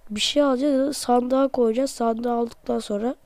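A man giving excited let's-play commentary, joking and talking to himself as he plays. His voice sounds off because he is sick. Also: extremely high pitch, normal speed, smooth, no room sound. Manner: playful, excitable, jokey, talks to himself while playing; self-mocking. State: voice off from being sick. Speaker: gamer, channel host.

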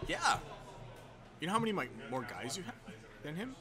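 A man commentating a live card game match in a relaxed, analytical way, filling pauses with quick agreements. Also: fairly high pitch. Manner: relaxed and analytical, many "yeah" and "yep". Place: game store with crowd behind. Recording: crowd chatter in background.

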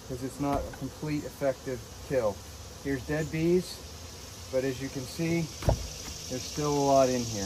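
A beekeeper vlogger narrates plainly and matter-of-factly as he handles hives on a backyard deck, talking to camera in a casual way while he works. His voice is mid-range. A phone, held or nearby, records outdoors, picking up background noise and bees buzzing around.

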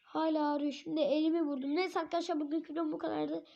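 Hoarse high-voiced woman ranting over a game. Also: little pitch movement, quick pace. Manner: shouts at the referee, curses and rants in frustration. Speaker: gamer. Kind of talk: live gameplay commentary. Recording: dull lo-fi recording.

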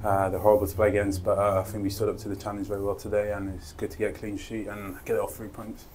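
After a match, a young footballer gives a modest, laid-back interview with lots of fillers, speaking into a lapel mic in an indoor room beside a sponsor board. His voice is on the low side, darkish and monotone, and fast, with slight background noise.

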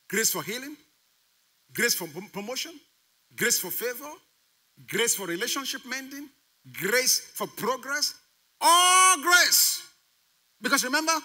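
A man's voice: extremely high pitch, bright, forceful tone. A man preaching a sermon as pastor, emphatic, quizzing the congregation and repeating key phrases for emphasis. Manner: emphatic preaching with call-and-response questions to the congregation.

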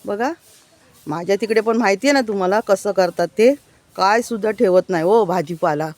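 A woman's voice: mid-range voice, moderate pace, darkish tone, no echo. A woman, chatting on a casual walking-tour vlog around her village house and yard outdoors, pointing things out to viewers as she goes. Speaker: village vlogger.

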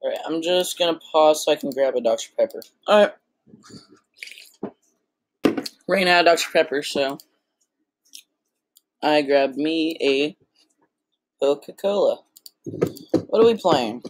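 A teenage boy with a voice that is breaking, casually commentating his own gameplay with excitable, blurting reactions. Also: fairly high pitch, a little slow, pauses often. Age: teens. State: voice cracking. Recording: noisy, with mouse clicks.

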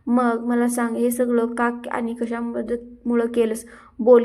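A woman doing a domineering rich grandmother, scolding and accusing in a slightly high voice that barely rises or falls, lecturing like the house is hers alone, close to her own everyday reading voice. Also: dark tone, lightly acted. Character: haughty, furious wealthy grandmother, domineering matriarch.

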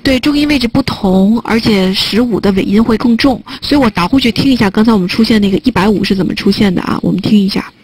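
A woman's voice: mid-range voice, fast talker, hardly any pauses, darkish tone, a little hiss or hum, rough recording. A woman teaching a test prep listening class online, chatting and joking as she types notes on a whiteboard. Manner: chatty, joking aside while typing on a whiteboard.

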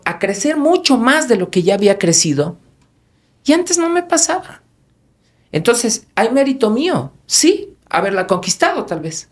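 Un hombre invitado en un podcast, que habla con pasión y énfasis y suelta groserías a menudo. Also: male voice, very high voice. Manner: passionate, emphatic, swears often. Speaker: podcast guest. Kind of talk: emotional podcast conversation.

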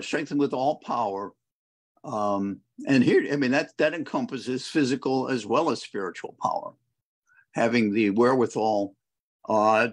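A man co-hosting a conversational Bible study over a video call, reflecting slowly and reading scripture verses aloud. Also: medium pitch.

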